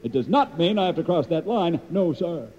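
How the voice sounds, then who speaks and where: A smug, preachy banker in a comedy radio play, his voice pitched high and swooping about. It has a dark, husky edge, as a man puts him on, and the recording is muffled and echoey. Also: big pitch swings, moderate pace. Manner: self-satisfied, preachy. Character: pompous smug male banker.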